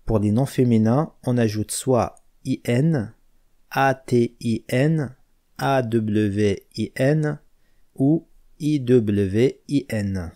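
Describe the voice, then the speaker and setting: A man teaching a language lesson, slowly spelling out words and giving word pairs one by one. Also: medium pitch, dark tone.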